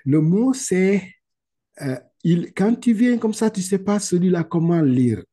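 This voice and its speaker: A man's voice: high voice, lively intonation, mellow. Patient man. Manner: patient, explains step by step, checks with frequent "ok?"; slow, drawn-out recitation of Arabic words for repetition. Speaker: Quran reading teacher. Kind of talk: one-on-one lesson over video call. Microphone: video call.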